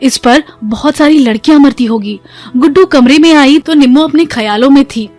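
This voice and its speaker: A woman narrating a family drama story in a steady storytelling manner. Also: high-pitched, moderate pace, soft background music.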